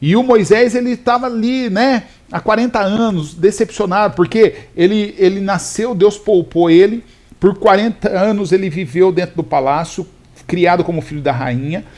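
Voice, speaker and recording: A male pastor explaining scripture in a casual chat, telling it with animated restarts and fillers. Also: high-pitched, moderate pace. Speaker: pastor, podcast co-host.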